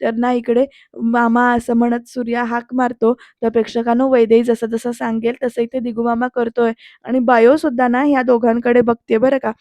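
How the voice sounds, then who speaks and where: A woman's voice: a little high, level tone, normal speed, darkish tone, no echo, lo-fi sound. A woman narrating a voice-over episode recap of a TV serial, chatting directly to her viewers. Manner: chatty storyteller addressing viewers. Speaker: serial reviewer.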